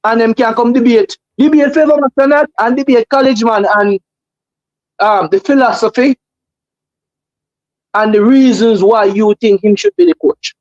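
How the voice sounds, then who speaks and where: A man's voice: extremely high pitch, moderate pace, no room sound, lo-fi sound. A man with a Jamaican accent talking casually and emphatically as a guest on a talk show, repeating phrases to drive his opinions home.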